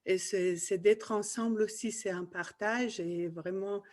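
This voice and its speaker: A woman's voice: medium pitch, fairly even intonation, unhurried, a little mellow. A woman from Iran, a participant on a video call, sharing her thoughts hesitantly with many fillers.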